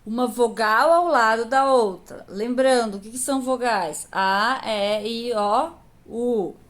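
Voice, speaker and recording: A woman's voice: fairly high pitch, slow pace. A woman teacher patiently explaining a grammar lesson to young pupils, asking questions and answering them herself. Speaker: primary school teacher.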